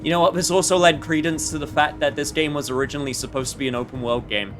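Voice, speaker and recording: Speaking quickly with a slightly high voice and fairly even intonation, a man streams a game and comments casually and wryly. He thinks aloud and makes jokes at his own expense while faint game music plays in the background.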